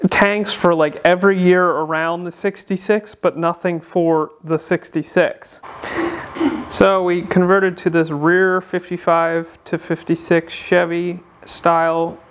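A man hosting a casual walkthrough of a vehicle build in an indoor workshop, explaining things in a relaxed way with frequent filler sounds, recorded on the handheld camera he films with. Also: on the high side. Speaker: car builder and channel host.

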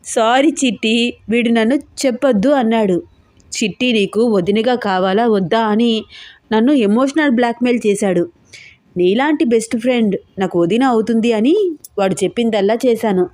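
A woman voicing a cheerful young woman who gently teases her friends in an audio story. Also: on the high side, normal speed, no room sound, studio quality, lightly acted. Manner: lighthearted, coaxing.

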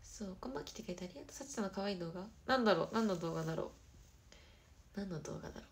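A young woman hosting a casual livestream who chats quickly and brightly with viewers, often dropping to a soft murmur. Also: medium pitch, animated. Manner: fast-talking. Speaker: idol livestream host. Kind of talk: casual livestream chat reading viewer comments.

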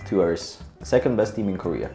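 A man's voice: low voice, moderate pace. A man in his twenties casually hosting a quiz, reading questions aloud. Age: 20s. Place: small bathroom, seated in a chair. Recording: echoey bathroom, music behind.

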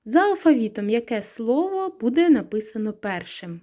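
A patient woman teacher with a Ukrainian accent talks a young class through a recorded lesson. Her voice is mellow and soft-edged, and she stretches words out to show where the stress falls, asking questions and then answering them herself. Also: on the high side, very animated, normal speed. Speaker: primary school teacher.

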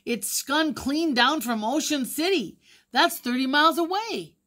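A woman reading aloud, voicing an eager old grandfather who booms his lines. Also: lively intonation, a little slow, pushed and bright, full character voice. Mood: excited. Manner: booming.

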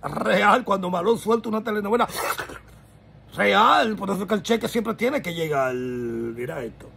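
A man's voice: high-pitched, expressive, moderate pace, creaky, a bit bright, slightly rough. A man hosting a celebrity gossip show, talking in a flamboyant, theatrical way straight to his audience.

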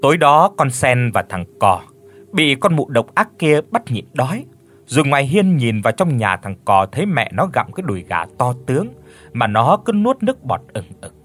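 A man's voice: medium pitch, normal speed. Man narrating a dramatic ghost story. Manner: expressive, dramatic.

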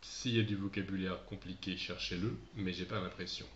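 Male teacher, recorded video lesson, talks straight to his pupils, slow careful reading, muffled echoey room sound. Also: deep voice, a little hiss or hum. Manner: reads English passages slowly and clearly, then explains in relaxed French; speaks directly to pupils, often trailing off softly. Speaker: English teacher.

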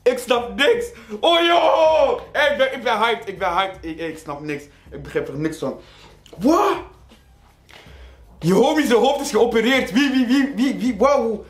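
Excitable high-voiced man reacting hyped. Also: measured pace, echoey room. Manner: excitable, hyped, loud exclamations. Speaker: reaction video host. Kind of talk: reacting to a rap track.

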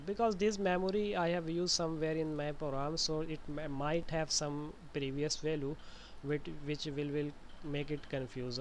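Man, slightly raised pitch, informal tutorial delivery, hesitant step-by-step explaining, faintly noisy screen recording. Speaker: tutorial presenter.

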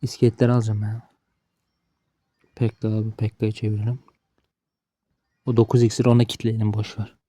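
A man's voice: fairly low pitch, little pitch movement, a little fast, long pauses, warm tone, no echo. A man giving casual gameplay commentary, frustrated and talking to himself, cursing the game. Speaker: gaming streamer.

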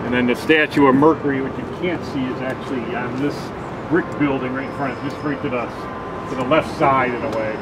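A man's voice: mid-range voice, steady tone, fairly quick. A man giving a walking tour on a city street, pointing out buildings and explaining their history. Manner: informative, pointing things out. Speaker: tour guide. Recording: loud traffic noise outdoors.

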